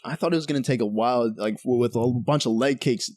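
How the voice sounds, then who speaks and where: A man co-hosting a podcast, relaxed and chatty, mostly giving short replies. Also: mid-range voice, fast, no echo. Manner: laid-back, brief back-channel replies. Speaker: podcast co-host. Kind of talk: casual chat.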